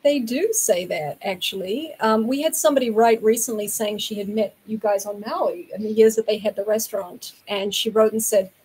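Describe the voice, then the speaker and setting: A woman's voice: mid-range voice, normal speed, hardly any pauses, a little mellow, husky, rough recording. A woman with a New Zealand accent, a guest in an interview, explaining her views earnestly in long flowing sentences. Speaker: guest from a vegan community. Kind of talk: casual interview talk.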